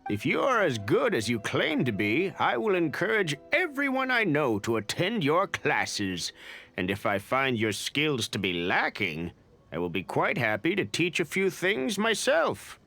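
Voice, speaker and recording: An actor playing a formal, polite elderly man in a video game, speaking in a measured way. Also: fairly high pitch, huge pitch swings, vocal fry, pushed and bright, faint music behind, full character voice. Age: older.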